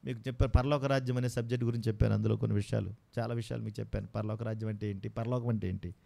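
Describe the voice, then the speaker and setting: A man's voice: on the low side, steady tone, very fast, creaky, mellow. A man preaching a sermon with passion, firing rhetorical questions at his congregation.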